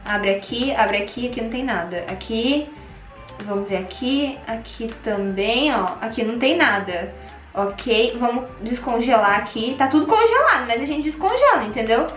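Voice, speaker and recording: A young Brazilian woman with a Brazilian Portuguese accent, hosting an excitable Minecraft let's play and gasping at every find. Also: fairly high pitch, normal speed, echoey room, faint music behind. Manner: excitable, gasping, squealing at finds. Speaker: gaming channel host.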